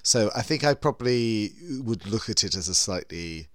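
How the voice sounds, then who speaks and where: Animated camp British man chatting. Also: on the low side, moderate pace, dry recording, studio quality. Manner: camp, expressive, rambling. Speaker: podcast host. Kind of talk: casual chat.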